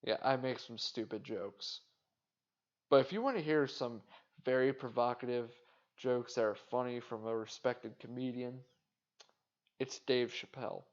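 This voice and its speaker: A man rambles through a solo podcast segment in a flat, indifferent tone, dropping swear words and self-mocking asides. His voice sits at an ordinary middle pitch. The recording is dull and lo-fi. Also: a little slow. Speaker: podcast host. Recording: dull lo-fi sound.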